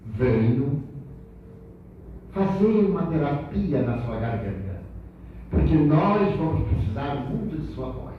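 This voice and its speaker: A man voicing a gentle young female nurse spirit, speaking softly and kindly in a lecture story. The sound is distant and lo-fi, in an echoey hall. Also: a little high, very animated, slow pace, pauses often, a little hiss or hum.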